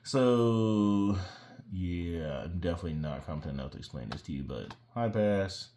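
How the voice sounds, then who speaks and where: A man with a very deep voice talks through his own mixing session in a loose, offhand way. He rambles, drifts off topic now and then, and makes fun of his own skills. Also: expressive, a little fast, dark tone, slight background noise. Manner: rambling, self-deprecating, digresses. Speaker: musician walking through his own mix. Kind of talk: casual screen-share tutorial.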